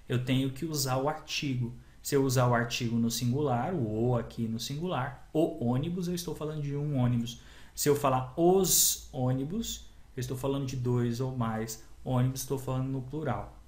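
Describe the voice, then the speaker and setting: A man with a slightly high voice teaches a recorded grammar lesson, explaining patiently and repeating key words. His voice rings in a noticeably echoey room.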